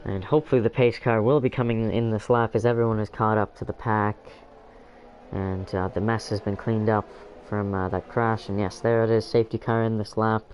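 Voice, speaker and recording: A man's voice: fairly low pitch, fairly even intonation, a little fast, darkish tone, a little hiss or hum, rough recording. Rambling young male sim-racing commentator. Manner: rambling, filler-heavy, self-correcting. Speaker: race commentator.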